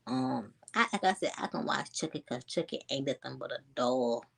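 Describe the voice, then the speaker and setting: A woman, casually telling a story to her viewers in a chatty, animated way. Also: extremely low pitch, moderate pace, creaky, husky. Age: 20s. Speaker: vlogger.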